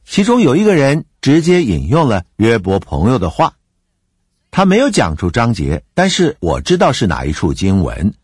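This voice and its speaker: A man with a slightly husky voice teaches the Bible, his pitch leaping up and down as he stresses his points. The sound is dry and close, with no room around it. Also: no echo. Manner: explanatory, emphatic, with occasional fillers and laughs.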